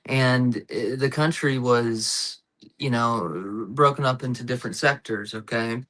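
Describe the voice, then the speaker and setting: A man's voice: medium pitch, fairly even intonation, a little slow, fairly bright tone. A man in his thirties hosting a casual political talk show, eager and given to nerdy history digressions with lots of fillers. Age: 30s. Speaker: host.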